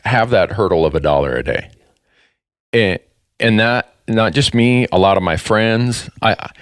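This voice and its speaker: Deep-voiced Minnesota man in his fifties. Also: dry recording, studio quality. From northern Minnesota. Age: 50s. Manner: earnest, storytelling, with frequent restarts. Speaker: podcast host. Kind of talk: casual conversation.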